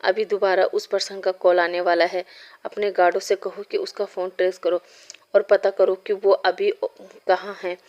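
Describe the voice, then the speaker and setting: A woman's voice: mid-range voice, level tone, normal speed, darkish tone, lo-fi sound, lightly acted. A woman voicing a protective young man who is secretly a mafia boss, speaking firmly in a storybook reading. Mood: explaining.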